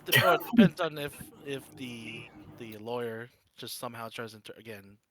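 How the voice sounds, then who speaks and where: Bright-voiced man thinking aloud, faint noise. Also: mid-range voice, moderate pace. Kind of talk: casual group chat.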